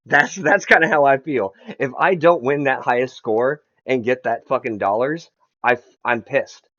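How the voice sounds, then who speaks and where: A man's voice: mid-range voice, moderate pace, fairly bright tone, lo-fi sound. A man chatting casually on a podcast as the league's commissioner, rambling, repeating words and swearing freely.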